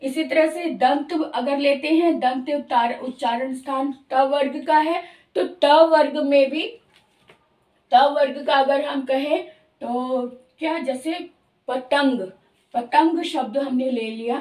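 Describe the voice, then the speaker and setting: A woman teaching Hindi grammar, explaining slowly and drawing out each sound she demonstrates. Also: sits high, a little mellow, roomy sound, far from the mic. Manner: slow, careful, drawn-out demonstration of sounds. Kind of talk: explanatory lesson.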